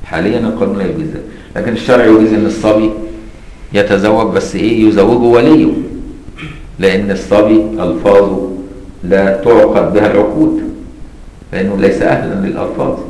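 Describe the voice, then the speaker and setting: A man's voice: fairly low pitch, fairly even intonation, brisk, pauses often, dark tone, reverberant, low-quality recording. A man teaching an Islamic law lesson with an Egyptian accent, explaining in colloquial asides and often checking "got it?". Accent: Egyptian Arabic. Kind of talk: classroom lesson on a legal text.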